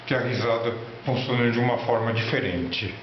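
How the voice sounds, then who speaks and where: A man with a Brazilian accent giving an informal electronics tutorial and product rundown in a halting, instructional way. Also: medium pitch, steady tone. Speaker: electronics hobby presenter. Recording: roomy, echoey, dull lo-fi with faint noise.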